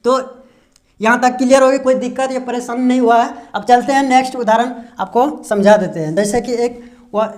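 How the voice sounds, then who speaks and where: A man teaching English pronunciation, explaining a lesson slowly with frequent hesitations and repetition. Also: very high-pitched, a little mellow. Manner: hesitant, many drawn-out filler sounds, repeats himself.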